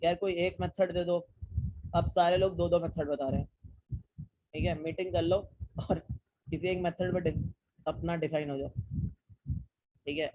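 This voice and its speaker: A man's voice: fairly high pitch, mellow, poor audio. A young man teaching a live online coding class, talking students through code step by step, asking them questions and mixing English technical terms into casual Hindi. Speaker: programming teacher.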